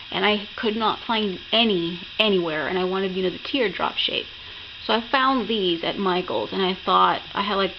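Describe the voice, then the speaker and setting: Woman, craft vlogger, sore sick throat, enthusiastic casual chat, fry-heavy voice, clearly noisy background. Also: mid-range voice. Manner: enthusiastic, chatty. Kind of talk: casual project show-and-tell. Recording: muffled lo-fi sound with clear background noise.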